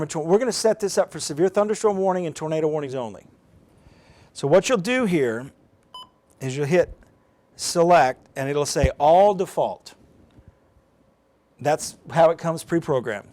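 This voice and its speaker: Here a man's slightly high, somewhat mellow voice leads a live how-to session. Speaking off the cuff, he walks through the steps one by one in a plain, chatty way while demonstrating.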